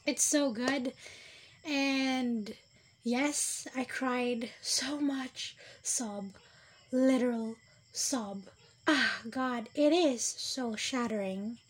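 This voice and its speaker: Rambling young woman podcaster, slow talk. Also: high voice, a little hiss or hum. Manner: rambling, self-deprecating, drifting between whispers and louder bursts. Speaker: podcast host. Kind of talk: casual solo podcast chat.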